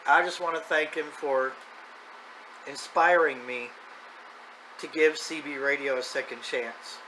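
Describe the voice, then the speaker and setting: A middle-aged or older man hosts a hobby video, speaking off the cuff in a plain, folksy vlog monologue. His voice sits on the high side, bright and forceful. The recording is rough, with clear background noise and ambient sound.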